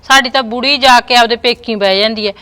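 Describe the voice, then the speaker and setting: A woman's voice: on the high side, steady tone, quick pace, bright, forceful tone, clean tone. A woman playing a gossipy neighbour who comes round to stir up a family quarrel. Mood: gossiping. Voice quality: gossipy, meddling. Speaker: nosy neighbour. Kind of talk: village comedy drama.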